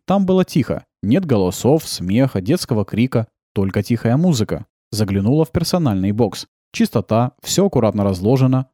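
Calm audiobook narrator, lively pitch. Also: no echo, studio quality.

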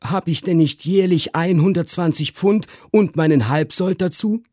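A man voicing a gentle, naive old retired captain in a literary reading. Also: on the high side, normal speed, no room sound, clean studio sound, pitched above the performer's own voice, close to an everyday voice. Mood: mild. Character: gentle, childlike old male ex-captain, the uncle.

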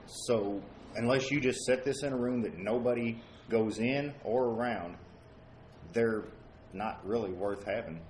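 A man's voice: mid-range voice, a little slow, darkish tone, a little hiss or hum. A man co-hosting a casual paranormal talk show, giving blunt, opinionated takes on ghost-hunting gear. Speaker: paranormal investigator co-host. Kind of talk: casual chat. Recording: echoey room.

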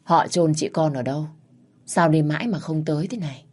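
A woman's voice: low voice, brisk, darkish tone. A woman voicing a firm, cautious older mother urging her daughter along in a spoken story. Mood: stern.

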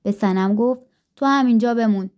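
A woman narrating a folktale audiobook in a gentle, rhythmic storytelling manner, recorded on a studio mic. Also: a little high.

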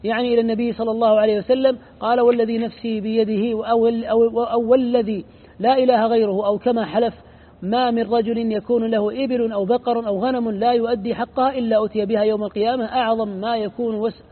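A high-pitched man reads a classical commentary aloud in a rapid clip. He stumbles often, repeating syllables before pushing on. The sound is thin and boxy, like it came over a phone line. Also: little pitch movement. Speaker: student reading the text aloud. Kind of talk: fast recitation of a classical commentary. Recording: tinny phone-like lo-fi audio.

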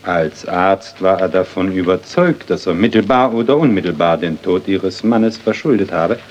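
A man playing a deep-voiced, measured investigator. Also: darkish tone, close to an everyday voice. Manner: measured, probing questions. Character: calm male investigator, questioning, measured. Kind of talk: 1930s radio acting. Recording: dull, hissy 1930s radio recording.

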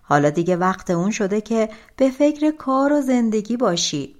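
Woman voicing a calm old farmer father. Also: fairly high pitch, lightly acted. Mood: fatherly. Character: patient older village father, a farmer.

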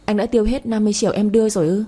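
A woman voicing a gentle, trusting young wife who speaks softly and pleadingly. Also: medium pitch, fairly even intonation, rapid-fire, voice pushed up, lightly acted. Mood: tender.

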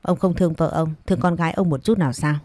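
A woman's voice: sits low, fast talker, a little mellow, dry recording. A woman playing a defiant indignant daughter. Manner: indignant, cutting.

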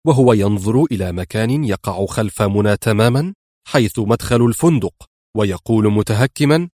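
A man narrating an audiobook in a steady, measured way. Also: medium pitch, dry recording, studio quality.

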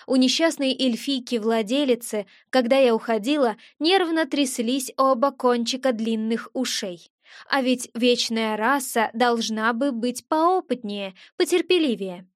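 A woman's voice: fairly high pitch, a little slow, no echo, studio quality. A woman giving a wry, ironic first-person narration of a fantasy audiobook.

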